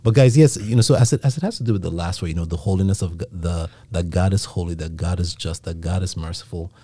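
A man with a Nigerian accent talks through a casual faith discussion in a reflective, teaching way. His voice sits very low and sounds mellow and dark. He checks in with "right?" as he goes. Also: fast talker, slightly rough.

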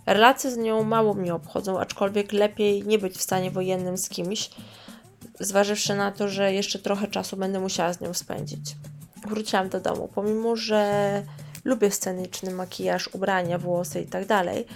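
A woman's voice: medium pitch, flat delivery, normal speed, soft background music. A woman reading her own memoir aloud in a chatty way, with sarcastic asides. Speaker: storyteller.

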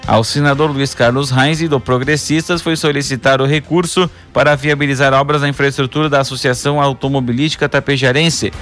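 A man reads scripted local news as a presenter, in a formal announcer's delivery with measured phrasing. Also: medium pitch, fairly even intonation, a bit bright, faint music behind.

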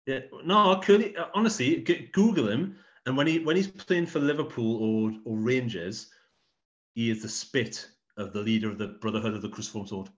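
A man's voice: mid-range voice, moderate pace, muffled recording. A man co-hosting a casual film-review podcast, rambling and restarting his sentences. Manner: rambling, repeats words as he restarts. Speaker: podcast co-host.

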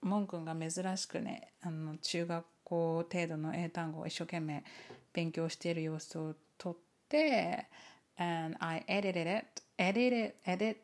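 A woman's voice: sits low, fairly even intonation, a little slow, a little mellow. A woman chatting casually and unscripted as an online teacher and video host, switching between two languages and repeating herself in both. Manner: chuckles now and then while talking. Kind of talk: casual rambling chat to camera, unscripted.

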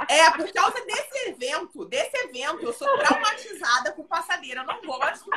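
A woman's voice: very high voice, normal speed, a loud crowd. A woman, a makeup artist telling stories with dramatic flair in casual podcast chat. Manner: animated storyteller, dramatic and laughing.

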